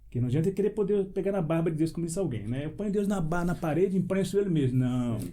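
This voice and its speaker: Man, pastor, high-pitched, soft mellow tone, emphatic preaching, rhetorical questions, short laughs. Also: animated, racing. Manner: laughs between phrases. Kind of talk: preaching in a panel debate.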